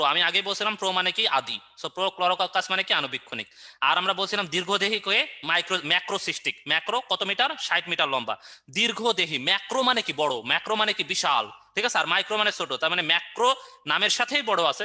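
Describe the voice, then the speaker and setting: A man runs an online review class, firing quick questions at his students and answering them himself with jokey memory tricks. His voice sits fairly high and sounds very bright and sharp. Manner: playful and joking. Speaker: online biology teacher.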